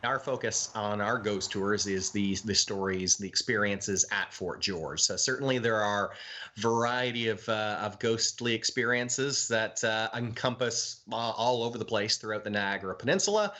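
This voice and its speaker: A man's voice: fairly low pitch, moderate pace, bright, forceful tone. A Canadian man speaking as a guest in a casual interview, informal and chatty with hesitant phrasing. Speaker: ghost tour guide, interview guest.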